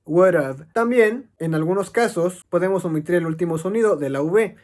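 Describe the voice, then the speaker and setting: A man's voice: high-pitched, fairly quick, darkish tone. A man teaching English grammar, explaining step by step and answering his own questions. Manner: explanatory, asks questions and answers them himself.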